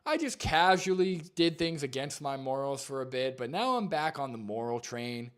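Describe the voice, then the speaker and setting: A man's voice: mid-range voice, animated, moderate pace, clean tone, close to an everyday voice. A man putting on a sarcastic, sing-song voice to mock a smug, breezy young man.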